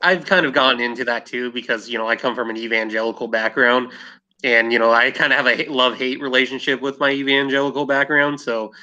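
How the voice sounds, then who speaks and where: A man's voice: mid-range voice, fairly even intonation, quick pace, pushed and bright. A man hosting a casual podcast discussion, hesitant with frequent ums and restarts. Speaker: podcast host. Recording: dull lo-fi mic.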